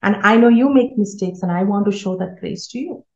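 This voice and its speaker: A woman's voice: mid-range voice, a little fast, a little mellow. Earnest woman giving a parenting talk. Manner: earnest, repeats key words for emphasis. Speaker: parenting speaker. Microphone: video call. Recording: roomy, slightly dull online call audio.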